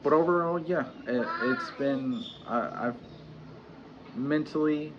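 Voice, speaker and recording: A man in his thirties talking candidly in a personal vlog, pausing often and restarting his sentences. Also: a little high. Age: 30s. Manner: hesitant, halting, many restarts and fillers. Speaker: vlogger. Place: home in Mexico. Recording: dull lo-fi audio with clear background noise.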